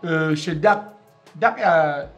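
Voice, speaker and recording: A man's voice: a little high, very slow, muffled recording, soft background music. A man acting as an association president in a comedy sketch, hesitant and stammering as he talks.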